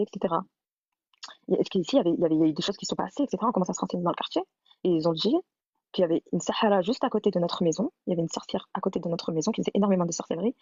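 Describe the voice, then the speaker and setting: Fast-talking woman telling a story. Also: medium pitch, mellow, slightly rough, no echo, dull audio. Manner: rambling, many restarts and repeated words. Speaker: live stream host telling her own story. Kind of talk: casual storytelling on a live stream.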